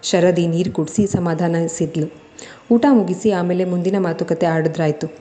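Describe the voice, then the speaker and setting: A woman storyteller reading a scripted family drama serial in a steady, emotive way. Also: on the low side, normal speed.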